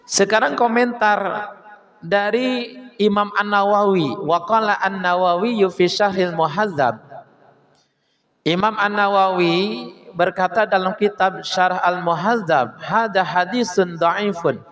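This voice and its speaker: A man's voice: sits high, takes it slowly, long pauses, a bit bright. A man giving an Islamic text study lecture as a religious teacher, reading Arabic passages and explaining them step by step, often asking questions and answering them himself. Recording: long hall reverb.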